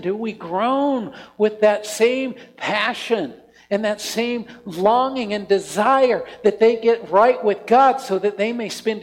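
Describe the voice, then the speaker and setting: A man with a high voice preaches a sermon in a church sanctuary. He keeps it conversational and animated, throwing out rhetorical questions to the congregation. The room carries a long, echoing reverb. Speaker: pastor.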